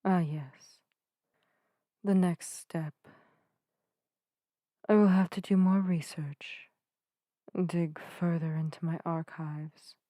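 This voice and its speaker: A woman voices a gentle witch for a narrative ASMR roleplay spoken to the listener, her tone soft, warm and relaxed, her pitch fairly low. She goes slowly, pausing often, sounding earnest, apologetic and soothing in quaint, formal old-fashioned language. It's recorded very close and dry, with no room sound.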